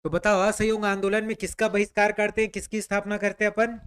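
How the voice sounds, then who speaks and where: High, smooth-voiced man teaching history. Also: level tone, quick pace, fairly bright tone. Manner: quizzing students, answering his own questions; conversational, repeats "ठीक है" often. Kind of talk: classroom history lesson.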